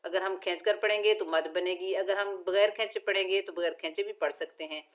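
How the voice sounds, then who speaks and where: A woman teaching Quran recitation with tajweed, patiently explaining each letter and then chanting each word slowly and drawn out. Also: mid-range voice, steady tone. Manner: patient, methodical instruction. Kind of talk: slow step-by-step recitation lesson.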